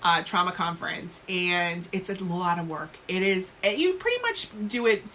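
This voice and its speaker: Chatty bright-voiced New Jersey woman. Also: fairly low pitch, expressive, normal speed, slight background noise. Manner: chatty, rambling, self-deprecating. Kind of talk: casual live-stream chat.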